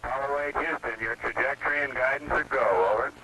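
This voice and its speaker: A man's voice: mid-range voice, quick pace, gravelly. A man at mission control talking to a spacecraft over a crackly radio link, in clipped radio procedure. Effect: crackly space radio transmission. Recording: noisy lo-fi archival radio link.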